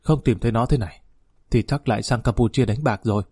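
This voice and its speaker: Man reading as a blunt cop colleague, matter-of-fact, husky voice. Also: mid-range voice, fast talker, warm tone, dry recording, studio quality. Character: blunt male police colleague.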